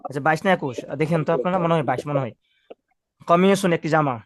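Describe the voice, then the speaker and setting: A man's voice: a little high, fast talker. A man teaching Arabic words to a class, patiently correcting pronunciation and leading call-and-response drills.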